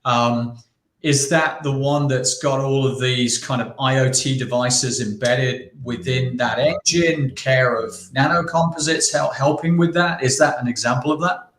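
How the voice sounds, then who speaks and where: A man hosting an interview, asking questions with stammering restarts and quick acknowledgements. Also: mid-range voice, a bit bright. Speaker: host. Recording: roomy echo.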